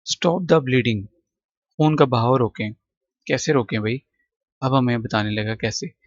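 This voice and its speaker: A man explains English vocabulary, repeating words to fix their pronunciation. His voice sits at an ordinary middle pitch. The recording is dry and a little dull, with no room sound. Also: normal speed, no room sound. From Pakistan. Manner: says "ठीक है" between points. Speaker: English teacher. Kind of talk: textbook vocabulary lesson.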